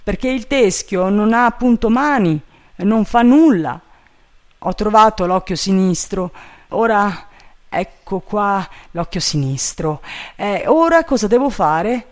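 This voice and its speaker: A man voicing a timid, bumbling male servant up a tree, fretful and loud, in a storybook reading. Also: high voice, expressive, slow, pitched above the performer's own voice.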